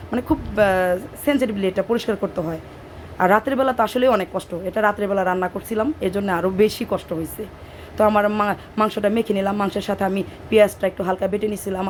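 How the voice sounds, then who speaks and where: Hoarse Bangladeshi woman chatting while cooking. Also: medium pitch, a little mellow, slight background noise. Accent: Bangladeshi Bengali. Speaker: cooking vlogger. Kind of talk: casual cooking narration. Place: home kitchen at night.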